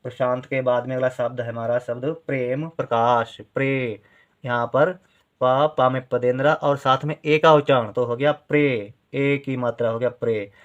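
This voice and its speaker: Patient man spelling out syllables slowly. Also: medium pitch, steady tone. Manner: slow, patient, spells syllables aloud and repeats them. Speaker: teacher. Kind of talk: step-by-step handwriting lesson. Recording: dull lo-fi sound.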